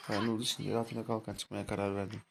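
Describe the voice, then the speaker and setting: A man's voice: lowish voice, level tone, fast talker. A young man giving live commentary while playing a mobile game, ranting and swearing at his teammates in exasperation. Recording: clear background noise.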